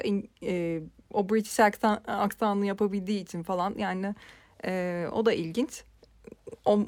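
A woman's voice: medium pitch, dry recording. A woman co-hosting a film podcast, chatting casually and expressively with frequent fillers and laughter. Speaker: podcast co-host.

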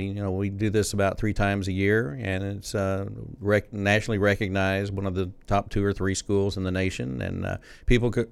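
A man's voice: lowish voice, vocal fry, clean tone. A man, a guest auctioneer telling his story in easygoing casual chat. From Texas. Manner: rapid auction chant when demonstrating, else easygoing storytelling.

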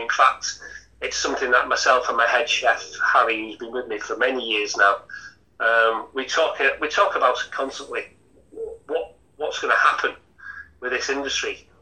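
Bright-voiced older chef. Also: male voice, mid-range voice, recorded from a distance, rough recording. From Lancashire, England. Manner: chatty, rambling with frequent restarts. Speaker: hotel chef. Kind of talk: interview.

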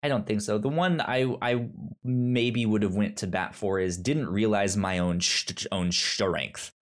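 This podcast co-host has a fairly low male voice and talks a little slowly. Chatting casually about a movie, he hesitates, lets sentences trail away, then restarts them.

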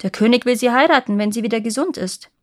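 A woman's voice: a little high, fast talker, no room sound, clean studio sound, close to an everyday voice. A woman voicing a talkative, dreamy male palace guard who tells what he knows in a confiding way, in a read-aloud fairy tale.

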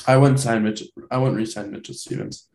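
A man co-hosting a casual hockey podcast, speaking in a slightly low voice. He keeps an easygoing, joking manner. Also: a little fast, vocal fry, a little mellow. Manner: laid-back, joking, trails off into laughter. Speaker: podcast co-host. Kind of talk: casual sports chat.

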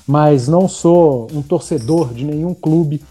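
Male football pundit, casual, extremely mellow timbre, light music behind. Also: a little high, takes it slowly, breathy edge. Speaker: sports journalist on podcast. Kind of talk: casual chat.

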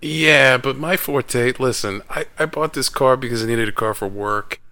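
A man's voice: mid-range voice, moderate pace, bright, forceful tone, no echo. A man hosting a podcast, chatting in an upbeat, joking way. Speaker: podcast host. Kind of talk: casual chat.

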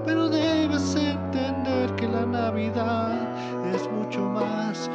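A man playing a soft-spoken, hesitant father who is out of work. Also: very high voice, fairly even intonation, takes it slowly, muffled recording, loud music behind the voice. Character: gentle, unemployed father. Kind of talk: comedic voice acting.

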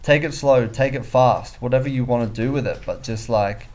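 A man's voice: medium pitch, moderate pace, a little mellow. A young Australian man with a lisp, a podcast guest talking casually and hesitantly with lots of ums. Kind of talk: casual interview chat.

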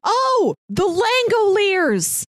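Very high-pitched and very animated, she draws out her words while co-hosting a podcast. She chats casually about films, books and audio dramas, recommending things, retelling stories and performing bits of imagined dialogue, all on a dry, clean studio recording.

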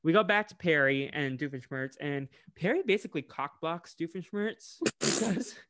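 A man's voice: a little high, moderate pace, dry recording, studio quality. An American man co-hosting a podcast, recapping an episode in casual chat and acting out the characters' lines. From United States. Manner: animated, acts out character lines. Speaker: podcast co-host.

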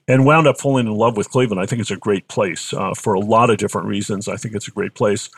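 A man's voice: on the low side, vocal fry, no echo. An older man with a Boston accent tells stories in an interview in a conversational, discursive way, repeating phrases for emphasis. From Boston, United States. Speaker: company founder being interviewed.

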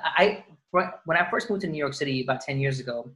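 A man's voice: mid-range voice, a little fast, pushed and bright. A man in his thirties from Dallas, Texas, guesting on a podcast in casual, rambling chat. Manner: rambling, many restarts and fillers.

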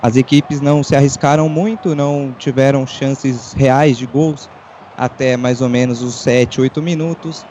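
A man's voice: mid-range voice, steady tone, a little slow, warm tone. A Brazilian man giving live match analysis as the pundit on a football radio broadcast. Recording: dull lo-fi audio, faint noise.

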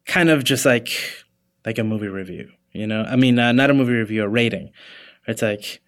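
A man's voice: medium pitch, a little fast, a bit bright. Easygoing man podcast co-host. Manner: easygoing, hesitant, many "yeah"s and fillers. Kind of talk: casual chat.

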